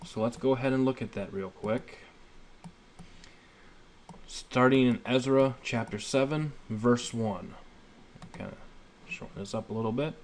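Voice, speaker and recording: In this noisy, home-recorded voice-over, a thirties-aged man with a medium-pitched, darkish voice talks at a measured pace and pauses often. He's giving a plainspoken Bible lesson with scripture readings, walking through it step by step and repeatedly checking that his audience follows.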